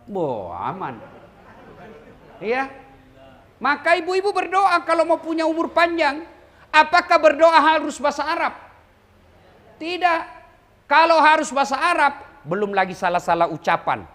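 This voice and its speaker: A male preacher with a high, very animated voice delivers a lively sermon. He jokes with his listeners and slips into playful imitations of regional speech, his pitch swinging widely. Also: unhurried, pauses often. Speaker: Islamic preacher. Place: large religious gathering.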